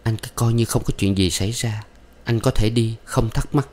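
A man voicing a sorrowful young woman who talks softly and bitterly. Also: fairly low pitch, steady tone, normal speed, voice pushed up, lightly acted. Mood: pleading. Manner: soft, bitter.

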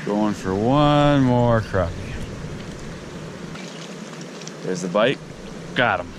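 With a lowish voice, a man takes his time giving chatty, excited fishing commentary directly to viewers. The video host is out on a riverbank and a fallen tree, and his action camera, mounted on his head or chest, records the scene along with wind and river noise.

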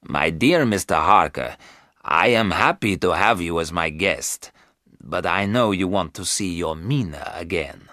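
A man voicing an old male vampire count who is courteous and menacing, speaking slowly and deliberately in a deep tone. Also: expressive, sharp tone, no room sound, clean studio sound, full character voice. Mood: smooth. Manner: slow, deliberate, commanding.

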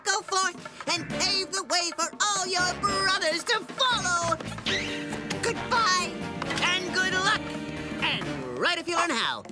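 Casting: a shrill, excitable cartoon creature, slow and sing-song, over cartoon music. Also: female voice, full character voice. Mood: excited. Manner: exclamatory, quick swings of pitch. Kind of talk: cartoon voice acting. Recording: music underneath.

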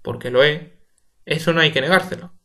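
Hombre haciendo de vecina chismosa, acento de España, voz algo aguda, audiolibro de teatro. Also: male voice, fairly high pitch, fairly quick, gravelly, a bit bright. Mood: gossiping. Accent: Spain Spanish. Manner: blunt, nosy, gossiping. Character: gossipy outspoken middle-aged neighbor woman.

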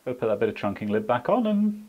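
A man's voice: medium pitch, sing-song, fast, narrow, tinny audio. A man working as an electrician, chatting casually to camera on a job in a house, joking and swearing freely. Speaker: electrician vlogger. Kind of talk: casual on-site vlog. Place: house under renovation, indoors.

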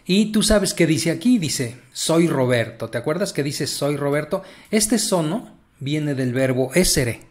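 A man's voice: fairly high pitch, lively intonation, measured pace. A man teaching a casual language lesson, chatty and encouraging, stretching out words as he explains.

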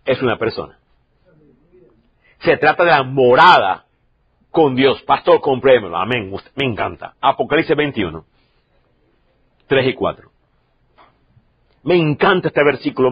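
A man in his sixties preaching a sermon as pastor, swinging from loud, emotional preaching to soft, quiet stretches. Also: mid-range voice, breathy edge, lo-fi sound.

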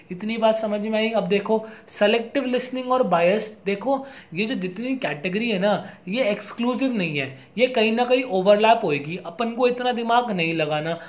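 Man teaching an exam-prep class. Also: sits high. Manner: casual Hindi-English mix, reads English definitions slowly.

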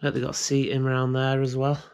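With a handheld action camera on a gimbal, a British man explores the rooms of an abandoned house and chats casually to his viewers as an urban exploration vlogger. His mid-range voice is monotone and fairly quick, creaky yet a little mellow, clear and resonant.

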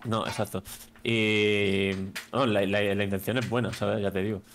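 Chatty streamer man, lowish voice. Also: flat delivery, normal speed, fairly bright tone. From Spain. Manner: chatty, tags many sentences with a questioning aside. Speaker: streamer host. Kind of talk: casual stream chat.

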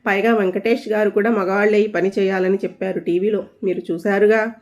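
Woman doing a young bride, coy, sly, feigned innocence, mellow tone. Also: medium pitch, fairly even intonation, brisk, close to an everyday voice. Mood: pleading. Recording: dull lo-fi audio.

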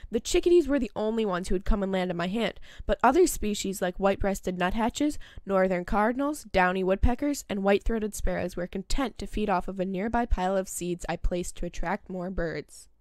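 A woman's voice: mid-range voice, expressive, brisk, hardly any pauses, a little mellow, dry recording. A woman hosting a birdwatching video, reading a scripted voice-over narration. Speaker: host of a birdwatching video channel.

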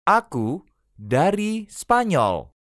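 Slow, lively phrase-drill reader. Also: mid-range voice, no echo, studio quality. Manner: slow, careful, each phrase repeated three times. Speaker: language teacher.

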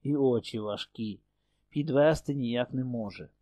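A man narrating a literary audiobook in a measured, expressive storytelling voice on a close microphone. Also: medium pitch, no echo.

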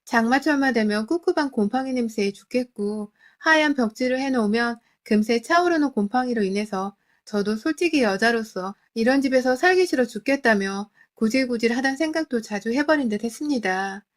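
A woman's voice: on the high side, lively intonation, fairly quick, hardly any pauses. A woman narrating a scripted first-person family story in an emotional, confiding way.

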